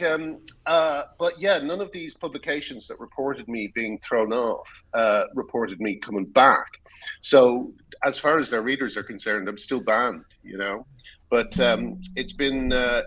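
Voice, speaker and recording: A man co-hosting a podcast in casual, chatty style, with a slightly husky voice and the hallway echo of a large room. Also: medium pitch, fairly bright tone. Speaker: podcast co-host. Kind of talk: casual chat. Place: large echoey room in new flat. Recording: echoey large empty room.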